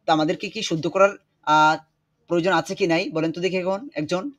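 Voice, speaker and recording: A man teaching Quran pronunciation in an online class over a video call, explaining slowly and repeating words to drill them. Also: high-pitched, a bit bright.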